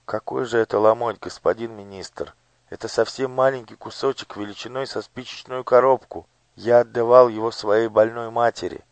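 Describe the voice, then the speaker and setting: A man's voice: mid-range voice, steady tone, moderate pace, no room sound, pitched above the performer's own voice, natural voice. A man voicing a starving young boy who pleads and protests earnestly in a storybook reading. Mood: hot protest.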